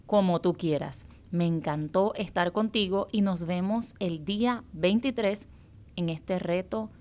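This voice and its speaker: A woman's voice: lowish voice, a little slow, mellow. A woman hosting a self-help series, speaking in an encouraging motivational tone and repeating key phrases.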